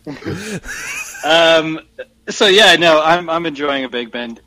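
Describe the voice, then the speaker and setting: Pushed and bright, this slightly high male voice swings hugely in pitch. As a podcast co-host in casual chat, he rambles haltingly and keeps correcting himself, and the audio sounds like a phone call over a weak connection.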